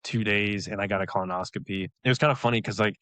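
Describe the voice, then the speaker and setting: A man with a lowish voice recounts his experiences in a relaxed, rambling way, dotting his talk with fillers and quick laughs. The sound is close and dry, with no room around it. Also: clean tone, dry recording. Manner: relaxed storytelling, many "like" fillers, laughs often. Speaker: guest, elite runner. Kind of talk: casual interview chat.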